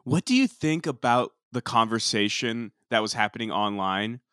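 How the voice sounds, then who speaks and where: A man with a mid-pitched, bright and forward voice co-hosts a podcast. He talks in a casual, conversational way and steers with questions. The sound is close and dry, with no room echo. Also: expressive, normal speed, smooth. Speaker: podcast co-host. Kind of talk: casual pop culture podcast chat.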